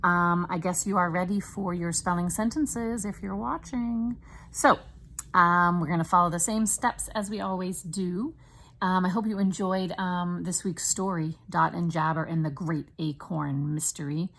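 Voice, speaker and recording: A woman's voice: fairly low pitch, steady tone, gravelly, a bit bright. A woman teaching first graders, dictating spelling sentences word by word with lots of ums. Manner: slow, deliberate dictation with many ums. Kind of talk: spelling dictation lesson for children.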